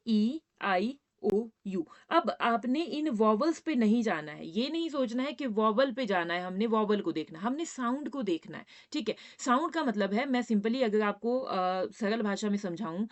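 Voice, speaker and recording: A woman's voice: fairly high pitch, animated, moderate pace, hardly any pauses. A woman teaching a grammar lesson, patiently repeating points and checking in with her students. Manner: addresses students as "बेटा".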